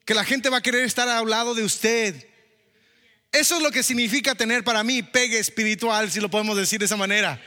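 A man preaching with a high, bright voice that carries in a long church reverb. He is animated and keeps asking the congregation questions. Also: a little fast. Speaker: pastor. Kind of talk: sermon.

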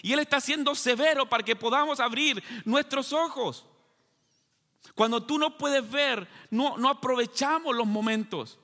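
High-voiced man preaching in a reverberant hall. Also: unhurried, bright, forceful tone. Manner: asks the listeners rhetorical questions, adds "¿verdad?"; explains in plain terms with everyday examples. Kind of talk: sermon.

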